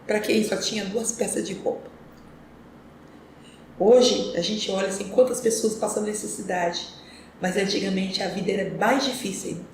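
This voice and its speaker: A woman recounts her past as an interview guest, reflective and earnest, pausing and restarting as she goes. Her mid-range voice rings out in a strongly echoing room. A faint hum of ambient noise sits underneath. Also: mid-range voice, fairly even intonation, darkish tone. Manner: earnest, reflective, rambling storytelling with frequent pauses and restarts. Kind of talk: telling her life story in a podcast interview.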